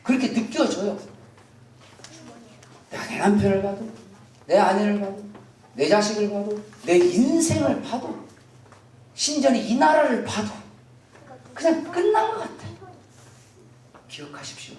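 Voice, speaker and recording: A woman's voice: mid-range voice, expressive, unhurried, long pauses, warm tone. A woman pastor preaching an impassioned sermon in a church, acting out scripture dialogue. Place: church sanctuary. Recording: echoey church, from a distance.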